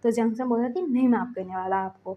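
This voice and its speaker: A woman's voice: on the high side, fast, muffled recording, lightly acted. Woman doing a hot-tempered younger brother. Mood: angry. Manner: loud, scolding, then fussing.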